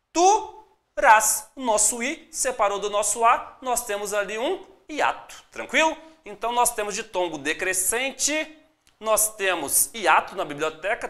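A teacher with a Brazilian accent giving a live online exam-prep lesson. Upbeat and encouraging, greets viewers by name and spells out syllables slowly. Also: mid-range voice, sharp tone. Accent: Brazilian Portuguese.

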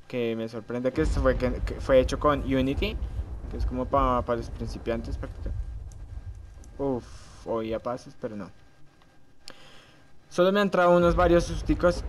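A man's voice: medium pitch, slight background noise. A young man playing a horror game, muttering to himself and shrieking at the scares. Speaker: gamer.

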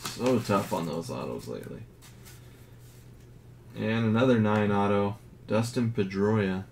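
Male collector, low-key and unhurried, casual unboxing talk over a noisy background. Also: gravelly. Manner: slow, low-key commentary, grades read in a flat list. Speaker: card collector. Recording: audible background noise.

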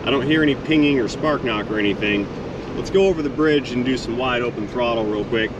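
A man's voice: mid-range voice, quick pace, lo-fi sound. A man narrating casually to himself as he test-drives and tunes an old car, with chatty, joking asides. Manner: chatty, self-talking, jokey asides. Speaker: mechanic, channel host. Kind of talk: casual narration while driving and working. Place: in a car and a repair shop. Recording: distant mic, loud engine and road noise.

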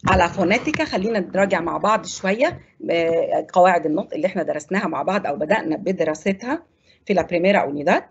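Egyptian woman, Spanish teacher on TV, husky voice, patient step-by-step drilling, dull lo-fi audio. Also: lowish voice, animated. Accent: Egyptian Arabic. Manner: explains step by step, repeats words slowly for pronunciation. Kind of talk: televised classroom lesson.

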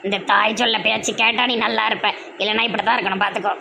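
Comedy sketch: woman doing a scheming old mother, low coaxing voice, Tirunelveli accent, gravelly edge. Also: little pitch movement, very fast, background noise. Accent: Tirunelveli Tamil. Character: scheming older mother, sly and meddling.

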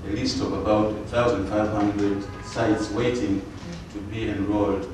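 Seated at a lecture hall panel table, an older Ugandan man, a native Luganda speaker, delivers a formal symposium address in a fairly low voice, measured yet halting with fillers. He sits back from the table mic on its stand, so the distant sound carries heavy echo and steady hiss. Music plays in the background.

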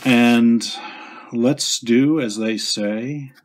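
A man casually demonstrating a writing instrument at his desk, chatty and unhurried, with small asides and self-corrections. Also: medium pitch, background noise. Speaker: pen shop owner demonstrating a product.

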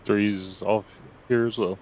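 A man's voice: fairly low pitch, level tone, takes it slowly. A man flying as a formation wingman, heard over a helmet radio, giving terse radio calls with some dry joking. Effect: helmet radio transmission. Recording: muffled radio over loud engine noise.

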